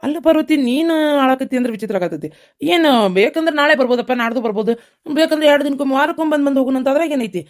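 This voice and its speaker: A woman voicing a fast-talking earnest young husband. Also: high-pitched, animated. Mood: reassuring. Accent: North Karnataka Kannada. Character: young husband, reassuring and devoted.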